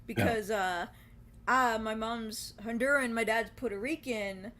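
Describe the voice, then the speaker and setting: A woman's voice: a little high, a little slow, a crowd in the background. A woman hosting an interview, chatting casually, laughing easily and retelling exchanges. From United States. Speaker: interview host.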